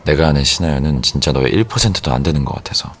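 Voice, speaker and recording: An actor playing a cool, composed young executive in a romance audio drama, a wry and possessive boyfriend who talks in a terse, understated, teasing way. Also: male voice, rumbling low, lively intonation, racing, faint music behind. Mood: softly teasing. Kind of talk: romance audio drama acting with inner monologue.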